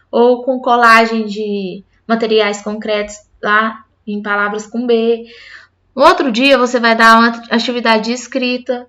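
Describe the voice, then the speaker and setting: A woman's voice: sits high, pushed and bright. A woman literacy teacher, talking chattily to fellow teachers and often checking in with them. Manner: chatty, with frequent "tá?" and "gente".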